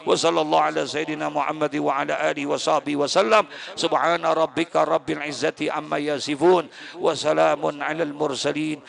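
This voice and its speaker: A man preaching a storytelling sermon at a mosque gathering, moving from hushed telling to loud emotional outbursts, then leading an Arabic prayer. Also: fairly high pitch, little pitch movement, brisk, creaky.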